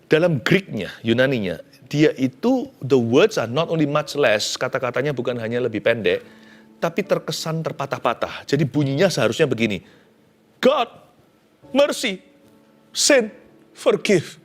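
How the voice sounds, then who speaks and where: A man, a pastor, preaching a sermon in a conversational, animated way. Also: medium pitch, brisk.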